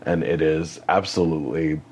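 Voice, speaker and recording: A man's voice: rumbling low, fairly even intonation, moderate pace, darkish tone, a little hiss or hum. A man chatting casually as a guest about a stage show, rambling with fillers and frequent laughs. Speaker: guest, community theater actor. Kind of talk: casual chat.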